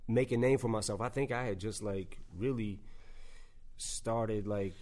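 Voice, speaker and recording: A man with a fairly low voice speaking as a guest in a casual interview. He rambles through his memories, restarting often and filling gaps with "you know". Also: fairly even intonation, measured pace, darkish tone. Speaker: rapper guest.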